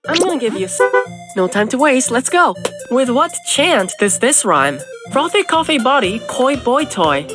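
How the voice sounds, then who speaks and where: A woman's voice: high voice, very animated, moderate pace. A woman voicing a sarcastic, easily exasperated young trivia host in a video game, delivering questions with a teasing edge. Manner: snarky, teasing quiz-show delivery. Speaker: quiz host. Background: game music.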